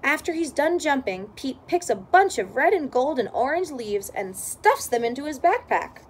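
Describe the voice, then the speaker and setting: A woman reading a children's storybook aloud in expressive narration. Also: sits high, moderate pace. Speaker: storybook reader.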